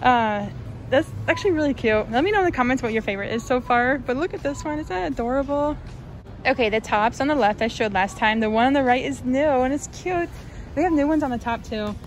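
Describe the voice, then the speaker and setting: A woman's voice: high-pitched, expressive, brisk, slight background noise. Chatty woman shopping in a store. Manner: chatty, upbeat, many fillers. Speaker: shopping vlogger. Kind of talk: casual shop-with-me narration. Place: large retail clothing store.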